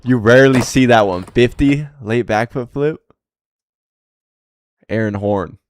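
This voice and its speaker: A man's voice: medium pitch, measured pace, slight background noise. A young American man giving casual reaction commentary in laid-back, profane frat-bro slang, full of bro and dude. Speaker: host reacting to viewer-submitted skateboarding clips.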